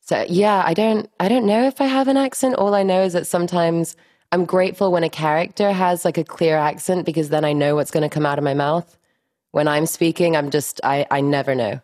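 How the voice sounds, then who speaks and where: A young woman, an actress, with a mixed mostly English accent with a slight Spanish lilt, chatting brightly and gratefully in an interview. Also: lowish voice, steady tone. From born in Miami, raised abroad. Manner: bubbly, grateful, quick to laugh. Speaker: actress guest. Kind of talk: casual interview chat.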